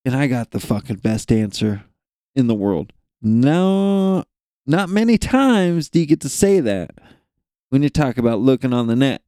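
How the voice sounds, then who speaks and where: A man's voice: medium pitch, warm tone, no room sound, clean studio sound. A young man co-hosting a podcast, ranting in a profane, rambling, jokey way. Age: young adult. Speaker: podcast co-host. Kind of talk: casual rant.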